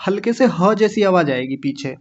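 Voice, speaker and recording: A man teaching children how to pronounce Sanskrit words, patiently breaking each one into syllables and saying them very slowly. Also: high voice, lively intonation, muffled recording. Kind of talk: online lesson for children.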